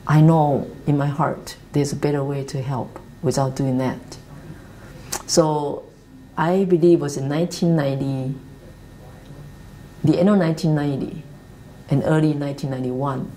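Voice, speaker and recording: A Taiwanese woman in her fifties, with a Taiwanese accent, speaking earnest, halting English with restarts as she tells her life story, seated in an office meeting room. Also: low voice, mellow, a little hiss or hum, poor audio. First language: Mandarin Chinese. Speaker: interviewee. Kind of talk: reflective life-story interview.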